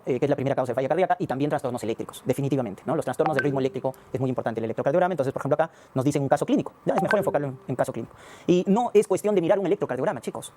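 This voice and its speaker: A man's voice: on the high side, mellow. A man giving a recorded medical lecture, explaining step by step and often asking rhetorical questions and checking in with his students.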